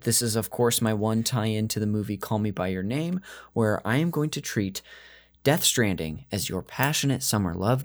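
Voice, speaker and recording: A man co-hosting a casual podcast, rambling with many fillers and restarts. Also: mid-range voice. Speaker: podcast co-host.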